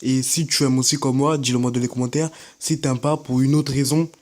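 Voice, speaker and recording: A man's voice: mid-range voice, steady tone, a little fast, darkish tone. A teenage boy giving a casual, slangy vlog rant, talking straight to his viewers. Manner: chatty, slangy, addresses viewers directly. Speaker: anime YouTuber.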